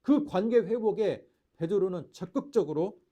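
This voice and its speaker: A male pastor delivering a sermon in a fairly high, very animated voice that rises and falls widely. His tone is dark and mellow, and he keeps asking the congregation rhetorical questions, dropping at times almost to a whisper before swelling again. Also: moderate pace. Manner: preaching with rhetorical questions and acted quotes; swings between loud declarations and near-whispered lines.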